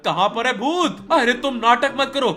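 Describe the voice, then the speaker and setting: A man voicing a tired, grumpy older brother in a game role-play dub, gruff and dismissive. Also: extremely high pitch, animated, moderate pace. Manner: gruff and dismissive, calling out loudly. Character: tired grumpy big brother, later worried.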